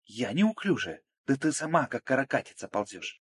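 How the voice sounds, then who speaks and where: A man voicing a fiery, quick-tongued young woman in an audiobook. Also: vocal fry. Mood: shrill fury. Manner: shrill and pleading.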